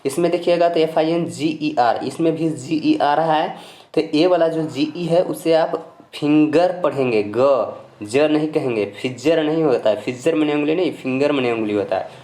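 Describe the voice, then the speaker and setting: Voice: mid-range voice, normal speed, warm tone. A teacher from India giving a patient, step-by-step pronunciation lesson. The teacher spells words letter by letter, repeats each rule and keeps reassuring the learners. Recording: roomy echo.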